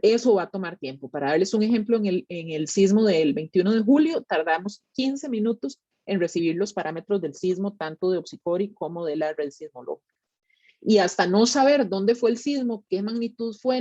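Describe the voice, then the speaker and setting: A woman with a Costa Rican accent explains things like a specialist addressing the public. Her pitch is mid-range and her delivery is conversational, with little tag questions. The sound is dry and slightly muffled, as on a lo-fi recording. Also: animated, fairly quick, warm tone, no room sound. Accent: Costa Rican Spanish. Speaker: tsunami monitoring specialist giving a public talk. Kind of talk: explanatory educational presentation.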